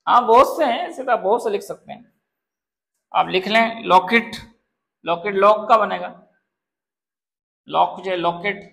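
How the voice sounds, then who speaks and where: Brief: male teacher, high-pitched voice, patient classroom style, keeps checking if students understand. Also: a little slow, gravelly, long pauses, fairly bright tone. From Pakistan. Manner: calls students "beta", explains with word examples. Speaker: English grammar teacher. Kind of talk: classroom grammar lesson.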